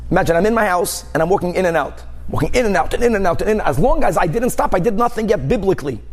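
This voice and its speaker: A man with a high-pitched voice teaches a religious class as a rabbi. He reads from a text and explains it informally, using examples, repetition and rhetorical questions to make each point. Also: lively intonation, very fast. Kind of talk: religious text lesson, reading aloud and explaining.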